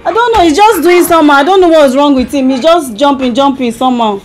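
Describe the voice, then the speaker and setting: A woman's voice: high voice, quick pace, a little mellow, soft background music, close to an everyday voice. A Nigerian-accented woman playing a confused wife with amnesia on a prank phone call, puzzled and full of questions. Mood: bewildered, lost. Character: confused wife feigning amnesia, bewildered and lost.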